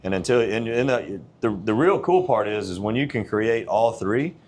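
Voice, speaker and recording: A man's voice: lowish voice, expressive, moderate pace, darkish tone. A man in his forties, a gym owner, talking in a blunt, earnest, plain-spoken way in a casual interview. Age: 40s.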